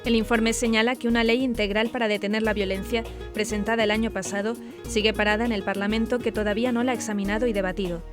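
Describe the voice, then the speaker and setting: With a somewhat high, steady voice, a woman presents the news, reading formally and evenly over music that can be clearly heard behind her.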